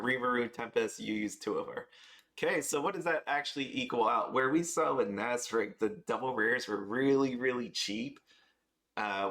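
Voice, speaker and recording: A man's voice: medium pitch, a bit bright. A man hosting a casual card game video, talking loosely with many fillers, tired after waking very early. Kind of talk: casual spoken price review.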